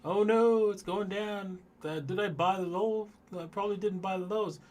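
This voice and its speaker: Man putting on a squealing jittery crypto buyer. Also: fairly bright tone. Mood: giddy, panicky. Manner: high squealing voice, rapid repetition. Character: jittery male crypto buyer, swinging between glee and panic.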